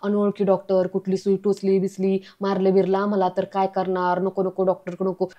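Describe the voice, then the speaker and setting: A woman's voice: mid-range voice, completely flat delivery, brisk, highs cut off, close to an everyday voice. A woman voicing a crafty middle-aged village aunt who whines and fakes tears to dodge a doctor visit. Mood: fake crying. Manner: whiny, fake-tearful pleading.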